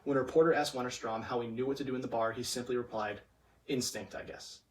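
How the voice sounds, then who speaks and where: A young man delivers a formal student speech at a brisk clip, as if reciting it from memory. His delivery is stiff and rehearsed, and the microphone picks him up from a distance. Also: medium pitch, steady tone, a little hiss or hum. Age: young adult. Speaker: student competition speaker. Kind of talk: prepared persuasive speech.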